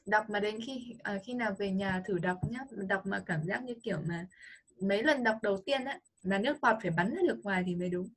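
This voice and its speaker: A woman with a Vietnamese accent and a brisk, mid-range voice gives a child an online English pronunciation lesson. She coaches patiently, modelling the sounds again and again.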